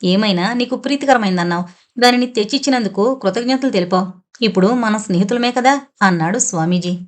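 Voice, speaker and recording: A woman's voice: medium pitch, fairly quick. A woman reading a novel aloud as an audiobook narrator, voicing every character in her own voice.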